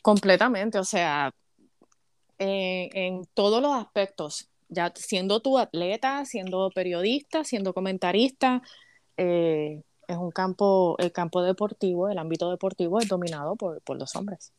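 A middle-aged woman from Puerto Rico with a Puerto Rican accent, chatting as a guest in an interview, friendly and halting with restarts. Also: lowish voice, no room sound. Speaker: sports commentator, guest. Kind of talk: casual interview chat.

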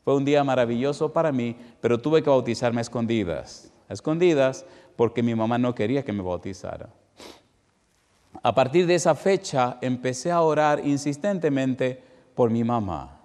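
A middle-aged man with a Dominican accent preaches a heartfelt testimony from the pulpit. His voice swells with emphasis, then sinks low and soft. Long reverb trails every phrase through the church hall. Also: expressive, moderate pace. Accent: Dominican Spanish. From Dominican Republic. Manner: emotional, emphatic, with sudden drops to quiet. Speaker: pastor. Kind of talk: testimonial sermon.

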